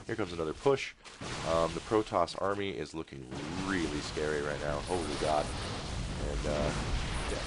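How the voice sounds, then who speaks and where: With background noise behind him, a deep-voiced man casually casts a strategy game replay, drifting between play-by-play and joking asides.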